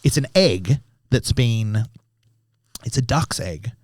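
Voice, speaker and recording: This Australian tattoo artist, young and appearing as a podcast guest, rambles through anecdotes in relaxed conversation, cursing freely and performing voices for the people in them. He speaks slowly at medium pitch with lively intonation and a slightly mellow quality. The recording is dry and studio-clean.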